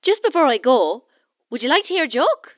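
A woman's voice: sits high, very animated, brisk, dry recording, phone-quality sound. A woman playing a cheeky, loving young boy with an Irish accent, telling his story earnestly and playfully in a children's radio drama.

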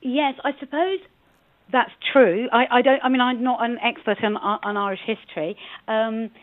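A woman's voice: a little high, steady tone, normal speed. A woman from England, a museum guest, speaking in a radio interview with many restarts over a phone line.

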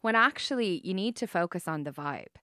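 A middle-aged woman hosting a radio chat, relaxed and agreeable, asking her guest for suggestions. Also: lowish voice, brisk, clean tone, no echo, studio quality. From Ireland. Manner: relaxed, agreeable, asks questions. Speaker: radio host.

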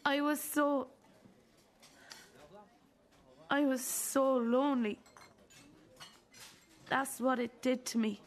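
A woman acting as a wounded, bitter adult daughter in a drama, accusing her mother in a halting, deliberate way. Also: high voice, steady tone. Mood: hurt, confiding. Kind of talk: dramatic two-hander dialogue.

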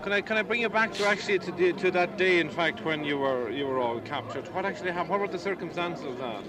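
A man interviewing a veteran in the field, asking quick questions that trip over themselves. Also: a little high, distant mic, crowd noise.

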